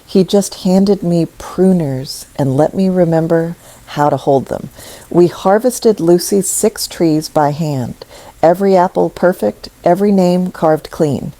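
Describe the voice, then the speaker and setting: A woman narrating a scripted story in a slow, measured, softly emotional way. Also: fairly low pitch, dry recording, low-quality recording.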